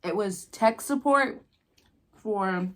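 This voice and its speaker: An American woman telling a casual, rambling personal story with halting pauses, talking between bites with her mouth sometimes full. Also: mid-range voice. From New Mexico, United States. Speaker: vlogger telling a personal story while eating.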